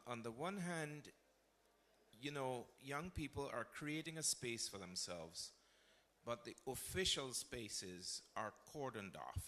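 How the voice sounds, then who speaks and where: A man's voice: mid-range voice, pushed and bright. A man in his fifties from Guyana with a Guyanese accent, speaking as a former diplomat on a panel, telling a story in a reflective way with self-corrections. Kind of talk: panel discussion.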